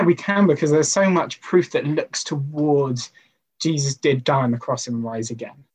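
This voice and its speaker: In a rough recording, a man with a voice on the high side gives an informal sermon to a youth group. He talks conversationally, sharing personal stories and asking rhetorical questions.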